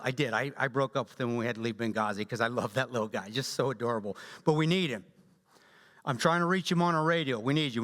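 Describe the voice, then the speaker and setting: A man giving a talk at a church, telling a combat story in an animated way and acting out quotes. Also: fairly high pitch. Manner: animated storyteller, acts out quotes, laughs often. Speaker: guest speaker. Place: church hall. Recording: long hall reverb.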